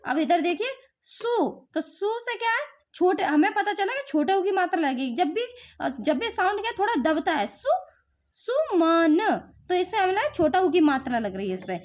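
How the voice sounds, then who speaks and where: High-voiced woman teaching children to spell. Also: lively intonation. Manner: patient, drawn-out syllables, coaxing questions. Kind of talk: home spelling lesson for children.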